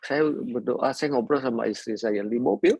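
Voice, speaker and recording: A man's voice: medium pitch, normal speed, creaky, darkish tone, slightly rough, no echo. A man preaching a sermon, telling personal stories in a playful way and mixing in English words.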